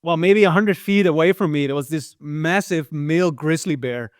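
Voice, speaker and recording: Dutch man, slightly american accent, fairly high voice, smooth, dry sound. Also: normal speed, no echo. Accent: Dutch, partly American. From Netherlands. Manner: many fillers and repeated words. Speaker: guest filmmaker and hiker. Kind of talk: casual interview storytelling.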